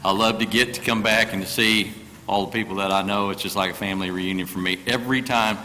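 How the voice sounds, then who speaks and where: An older guest preacher tells a personal story during a sermon in a church sanctuary, earnest and folksy, his microphone carried through speakers. His voice is lowish, bright and forceful, steady in tone and quick. A long reverb tail and slight background noise fill the recording.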